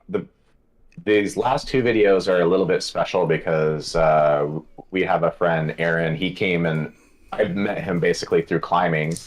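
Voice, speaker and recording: A man from Colorado talks as a guest brewer, relaxed and explanatory. His voice sits low. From Colorado, USA. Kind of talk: casual chat.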